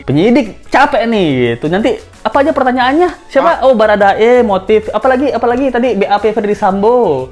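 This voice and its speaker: A woman's voice: deep voice, darkish tone. A woman giving casual, gossipy commentary, laughing often and mocking quotes with acted voices.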